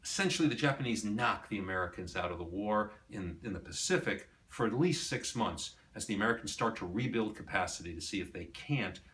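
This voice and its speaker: Middle-aged guy spinning a story, acting out the quotes, low-ish voice but bright. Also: lively intonation, fairly quick, few pauses. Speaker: collector showing his library. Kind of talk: storytelling to a visitor.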